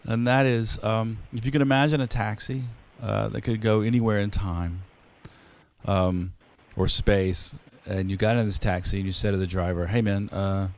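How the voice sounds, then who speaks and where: Man, podcast host, low voice, casual chatty interviewer, rambling stories. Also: fairly even intonation, normal speed. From rural area. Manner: chatty, rambling storyteller with many fillers.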